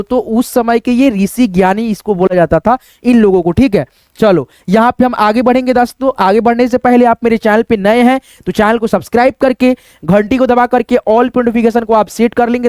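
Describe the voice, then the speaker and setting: A man's voice: very high voice, darkish tone, smooth, no room sound. A man teaching the Hindi alphabet to beginners in a casual classroom style, asking and answering his own questions with many fillers.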